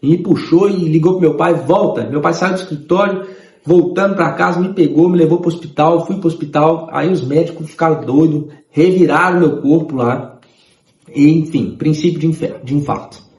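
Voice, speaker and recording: A man, telling his conversion testimony in an animated way and acting out the voices of others. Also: fairly high pitch, normal speed, reverberant. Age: 30s.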